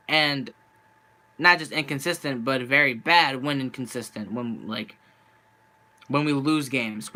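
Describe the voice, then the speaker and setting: A man's voice: fairly high pitch, bright, forceful tone. Frustrated young man venting on stream. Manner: frustrated, rambling, restarts often. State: losing his voice. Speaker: sports fan streamer. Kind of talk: venting live-stream monologue. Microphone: handheld camera.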